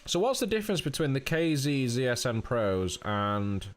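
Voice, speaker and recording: A man's voice: medium pitch, very animated, normal speed, faint music behind. A man in his thirties with a nasal voice, chatting casually to viewers during a game stream. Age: 30s. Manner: rambling, chatty, talks to chat as mate. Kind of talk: casual live-stream chat.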